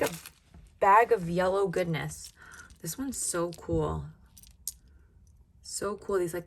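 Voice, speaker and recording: A woman's voice: lowish voice, noisy background. A woman giving casual unboxing commentary in a gushing, grateful manner, drawing out her exclamations. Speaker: craft vlogger unboxing happy mail.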